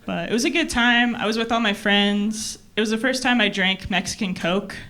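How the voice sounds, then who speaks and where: A woman performing stand-up comedy stories in a deadpan, halting way, with pauses, to a laughing live audience. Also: mid-range voice. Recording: loud noise of audience laughter. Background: crowd laughter.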